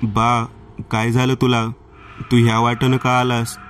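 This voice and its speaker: A man's voice: medium pitch, monotone, measured pace, fairly bright tone, faint music behind, close to an everyday voice. A man voicing a village boy who calls to his father in blunt, rustic speech. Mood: urgent.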